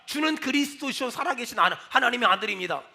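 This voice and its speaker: A man's voice: extremely high pitch, lively intonation, fast, gravelly, bright, forceful tone, pitched below the performer's own voice, full character voice. A male pastor voicing a hot-tempered, impulsive apostle within a sermon, blurting eagerly.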